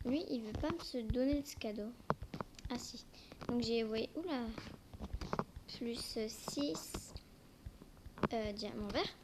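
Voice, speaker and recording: High-voiced young female with braces, noisy recording. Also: moderate pace. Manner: talks with braces, slightly impeded articulation. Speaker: amateur video creator. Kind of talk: casual hesitant gameplay presentation. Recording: noisy homemade recording with clicks.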